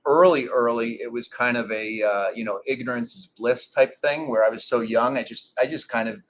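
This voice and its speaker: A man in his forties, a former pro ballplayer, telling stories in a relaxed interview with lots of fillers. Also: medium pitch, normal speed. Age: 40s. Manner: relaxed storytelling with many fillers. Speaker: guest, former pro baseball pitcher. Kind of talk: casual interview.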